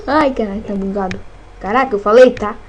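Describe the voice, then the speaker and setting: A woman with a Brazilian Portuguese accent, excitedly commentating her own gameplay, cursing and shrieking at every scare. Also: mid-range voice, a little fast, lo-fi sound, noisy background. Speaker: gameplay channel host.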